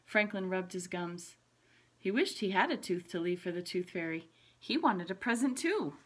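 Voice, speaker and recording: A woman, a pre-K teacher, reading a picture book aloud to children, explaining the pictures gently. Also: on the low side, animated, normal speed, slight background noise.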